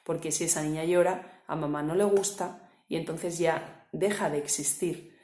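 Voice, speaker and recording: A woman coach, calmly explaining a topic with examples and often checking with the listener. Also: deep voice, moderate pace, echoey room. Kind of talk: explanatory talk to camera.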